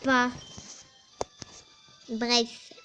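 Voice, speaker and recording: A woman giving casual, excitable let's play commentary, chatting to her team and swearing at opponents. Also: on the high side, drawn-out words, soft background music.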